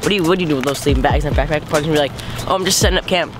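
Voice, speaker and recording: A man's voice: on the high side, very fast. A teenage boy chatting casually with his friends on a vlog. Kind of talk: casual joking chat. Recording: far from mic, loud music behind.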